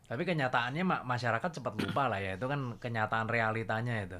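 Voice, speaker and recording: A young man hosting a livestream, chatting casually with his father in a relaxed, agreeable way. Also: mid-range voice, fast talker, slight background noise. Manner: relaxed, agreeable, frequent murmured assent. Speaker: livestream host. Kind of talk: casual discussion.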